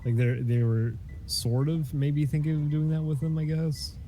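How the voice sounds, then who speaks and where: A man's voice: fairly high pitch, flat delivery, normal speed, warm tone, a little hiss or hum. A young man who is a guest, chatting casually about a game and often playfully quoting lines in put-on voices. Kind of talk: casual gameplay chat.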